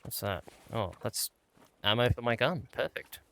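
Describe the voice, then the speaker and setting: A man's voice: medium pitch, lively intonation, unhurried, creaky, sharp tone. A man giving laid-back, casual commentary as he plays a game and talks himself through it. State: out of breath at times. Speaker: gaming channel host.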